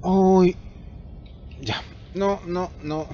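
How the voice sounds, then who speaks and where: A young man with a Chilean accent narrates his horror gameplay, edgy and muttering to himself in a fairly high voice. His delivery is unhurried between the scares. The recording sounds muffled and carries noticeable background noise. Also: steady tone. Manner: jumpy, nervous, talks to himself. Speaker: gamer. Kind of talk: horror game commentary.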